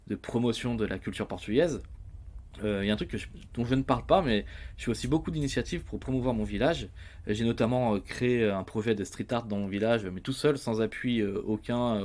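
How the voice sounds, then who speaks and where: A man's voice: fairly low pitch, darkish tone. A man in his thirties from France, a podcast guest telling his family story in a casual, hesitant way with many filler sounds and restarts. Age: 30s.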